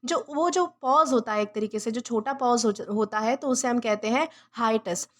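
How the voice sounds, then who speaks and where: Woman teacher, high voice, patient step-by-step vocabulary lesson. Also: moderate pace, a bit bright. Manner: repeats and rephrases each meaning patiently. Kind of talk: vocabulary lesson explained in Hindi.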